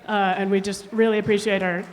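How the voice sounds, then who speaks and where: A woman's voice: mid-range voice, flat delivery, fairly quick. A woman giving informal thank-you remarks at a live event. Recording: echoey hall, faint crowd noise. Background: light crowd ambience.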